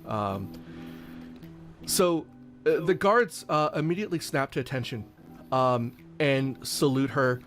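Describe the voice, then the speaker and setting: A man's voice: mid-range voice, expressive, a little slow, pauses often, fairly bright tone, soft background music. A man narrating as game master in a tabletop game, rambling with many fillers.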